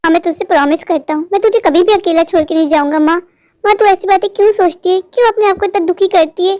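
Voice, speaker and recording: A lovestruck young male crow, voiced by a woman in a cartoon, eager and a little anxious as he pleads. The voice sits very high. The recording is dry and close. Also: fast, darkish tone, no echo. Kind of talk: cartoon voice acting.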